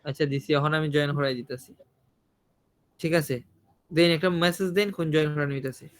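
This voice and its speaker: Guy, high voice, runs an ielts listening class online, keeps quizzing the students. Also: fast, smooth. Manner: questioning, repeats points to students. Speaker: IELTS teacher.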